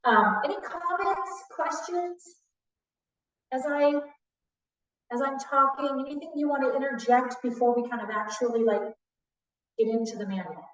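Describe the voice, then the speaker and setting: A woman's voice: sits high, moderate pace, long pauses. A woman instructor leading a live trauma training class, talking the group through ideas and often checking in with "right?". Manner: warm teacherly, frequent "right?" check-ins. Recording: distant echoey dull room audio.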